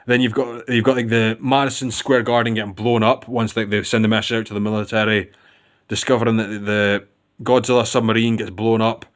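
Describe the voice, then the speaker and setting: A man's voice: fairly low pitch, flat delivery, a little fast, smooth. A man giving a casual, rambling film review with enthusiasm, often restarting his sentences.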